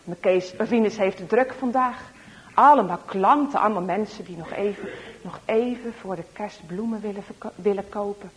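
A woman telling a story to children, expressive and sometimes dropping to a hushed whisper for suspense. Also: medium pitch, normal speed, a little hiss or hum. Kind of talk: children's story read-aloud.

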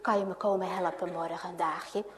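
A woman voicing a busy, cheerful middle-aged farmer who talks in a brisk, friendly way. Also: fairly low pitch, fairly even intonation, pitched below the performer's own voice, natural voice. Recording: long hall reverb.

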